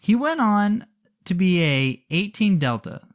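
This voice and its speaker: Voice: medium pitch, very animated, measured pace. A podcast co-host telling a story casually, with wry asides to the listener.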